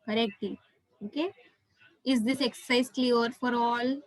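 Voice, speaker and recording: This woman, a French teacher with an Indian accent, speaks a little slowly with fairly high pitch and fairly even intonation, captured on a low-quality recording. In her interactive online class she repeats herself often while encouraging and praising learners.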